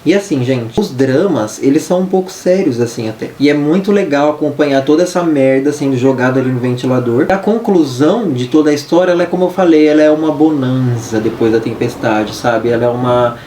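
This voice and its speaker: A man's voice: mid-range voice, brisk, few pauses, warm tone. A Brazilian man chatting casually through a book review, with a lisp and hissy s sounds from wearing braces. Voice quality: lisping, hissy sibilants from wearing dental braces. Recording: roomy echo, distant mic, faint noise.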